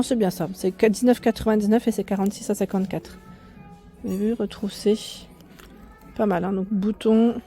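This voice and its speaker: A woman vlogger chatting her way through a clothing store, correcting herself often and speaking up over the store's music. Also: medium pitch. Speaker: fashion vlogger. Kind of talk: casual in-store clothing walkthrough. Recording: faint store music behind. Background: loud in-store music.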